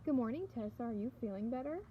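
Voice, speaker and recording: A woman's voice: fairly high pitch, fast, lightly acted. Woman reading a soothing, easygoing mother, storybook voice, dull audio with background noise. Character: gentle, easygoing adult mother.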